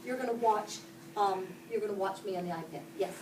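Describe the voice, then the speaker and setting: A woman from Pittsburgh, Pennsylvania gives classroom instruction in a brisk, slightly mellow mid-range voice, explaining each step and asking the kids questions. It's recorded from far off by a camera across the echoey room, with a little hiss or hum.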